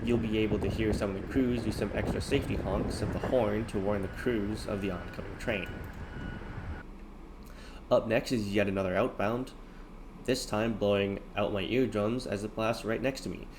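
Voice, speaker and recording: Low-voiced man narrating over train noise. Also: fairly even intonation, moderate pace. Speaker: railfan video narrator. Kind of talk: narration of train-spotting footage. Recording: clear background noise of trains, ambience.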